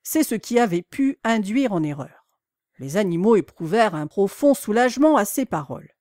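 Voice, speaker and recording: A woman narrating a classic novel as an audiobook in a measured, dramatic storytelling manner. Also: medium pitch, very animated, a little mellow, no echo, studio quality. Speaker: audiobook reader.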